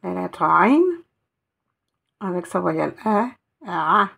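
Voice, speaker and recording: A woman's voice: on the low side, slow pace, creaky, a bit bright. A woman teaching Arabic letters one by one, patiently spelling out each sound and repeating it. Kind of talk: step-by-step reading lesson.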